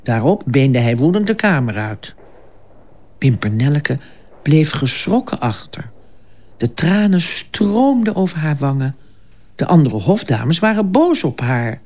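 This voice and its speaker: A storyteller reading a fairy tale aloud in an expressive, unhurried way. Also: medium pitch.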